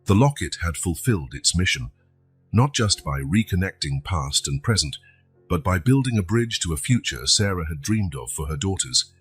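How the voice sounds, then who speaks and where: A man narrating a scripted emotional story in a slow, solemn way. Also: deep voice, animated, breathy edge, faint music behind.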